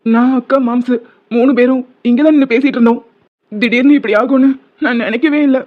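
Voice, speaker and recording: Lady doing a young cartoon dad, teary and pleading, highish voice, dull dry lo-fi sound. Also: fairly even intonation, brisk, no echo, close to an everyday voice. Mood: grieving. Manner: emotional, tearful pleading. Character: young grieving husband and doting father. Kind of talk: cartoon voice acting.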